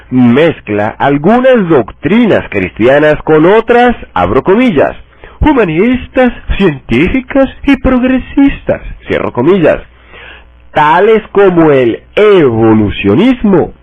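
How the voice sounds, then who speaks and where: A man reading a political text aloud, slowly and deliberately, saying every quotation mark out loud. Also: fairly high pitch, no echo. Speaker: reader. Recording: dry tinny phone-like sound.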